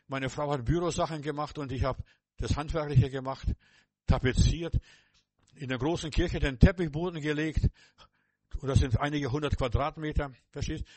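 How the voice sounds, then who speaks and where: A man's voice: a little high, darkish tone, dry recording. An older man preaching a sermon, fervent and repetitive, speaking straight to the listener with many restarts.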